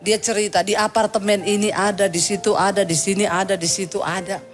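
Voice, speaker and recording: A woman's voice: medium pitch, little pitch movement, a little fast, faint music behind. A woman pastor delivering a sermon, telling a story with humorous asides and vivid quoted voices.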